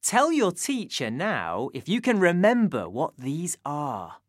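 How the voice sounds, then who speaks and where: A woman's voice: sits low, huge pitch swings, slow pace, no echo. A woman presenting a school radio singing lesson, giving sing-song instructions to children. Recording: dry studio sound.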